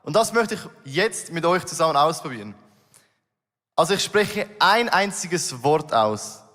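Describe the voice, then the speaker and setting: A man with a fairly high voice delivers a sermon from a church stage. He talks to the listeners directly, earnest and emphatic. The sound rings with a long hall reverb. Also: very animated, a little slow, fairly bright tone. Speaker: preacher. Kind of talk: sermon with live illustration. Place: church stage before a congregation.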